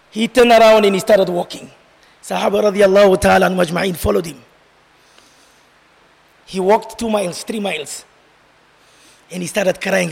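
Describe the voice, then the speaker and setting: A man's voice: high voice, creaky, a bit bright, breathy edge. A man preaching an impassioned Friday sermon, repeating the same refrain again and again and mixing in Arabic and Urdu phrases. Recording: long hall reverb.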